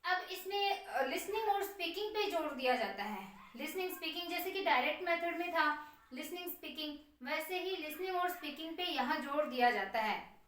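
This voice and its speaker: A woman's voice: high voice, animated, moderate pace, fairly bright tone, slight background noise. A woman teaching a class, explaining a lesson and answering her own questions while writing on the board. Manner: writes on a board while speaking. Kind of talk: classroom lecture. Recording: very echoey room, far from mic.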